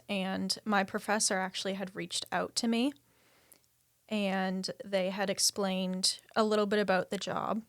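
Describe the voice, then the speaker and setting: A twenty-one-year-old woman chats on a podcast in a soft, matter-of-fact way. Her pitch barely moves, and the recording is dry and close. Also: no echo. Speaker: peer support worker, podcast guest. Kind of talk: casual podcast chat.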